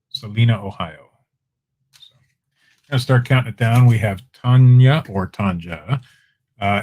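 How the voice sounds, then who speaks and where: Man, lowish voice, casual live-stream auctioneer, chatty, talks to the chat, trails off softly.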